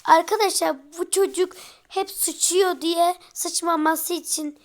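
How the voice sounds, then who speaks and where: A woman with a talks to her viewers in a high voice. She sounds chatty and exasperated, and she keeps throwing jokey asides to the people watching. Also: steady tone, unhurried. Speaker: vlogger. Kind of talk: comedic role-play vlog.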